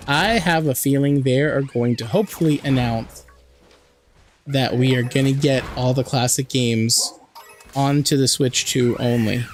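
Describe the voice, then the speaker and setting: A man streaming a video game with a hoarse, sore throat, chatting and joking with his viewers over faint music. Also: mid-range voice. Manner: chatty, joking, reads and answers chat. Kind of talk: casual live-stream chat while playing.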